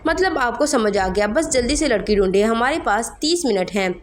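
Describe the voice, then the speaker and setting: A woman's voice: on the high side, animated, normal speed, a little hiss or hum, close to an everyday voice. A woman voicing a middle-aged mother who is anxious but firm and commanding, in a Hindi horror story reading. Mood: stern.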